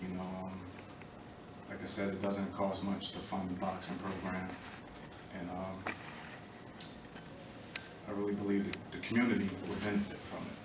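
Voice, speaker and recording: A middle-aged man from Norwalk, Connecticut, who used to box, testifies for a youth program at a public meeting. He speaks impromptu in a low monotone, earnest but halting, pausing between brief phrases. The recording, made at a distance in an indoor meeting room, is muffled, echoey, distant and full of room noise.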